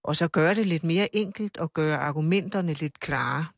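A woman's voice: low voice, gravelly, no echo, studio quality. A woman on a political panel explaining her view in a thoughtful way. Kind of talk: panel discussion.

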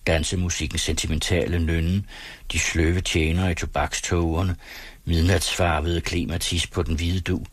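En mand, der læser en novelle op i et roligt, afmålt tempo. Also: male voice, low-pitched, breathy edge, dry recording. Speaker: audiobook narrator. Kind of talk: scripted narration.

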